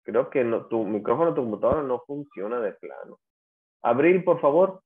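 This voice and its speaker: Un hombre que da una clase de inglés en línea, explicando con paciencia paso a paso y llamando a los alumnos por su nombre. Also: male voice, mid-range voice, animated, moderate pace. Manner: patient, explains step by step, repeats students' names. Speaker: English teacher. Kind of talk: online class instruction. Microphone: video call. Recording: tinny lo-fi call audio.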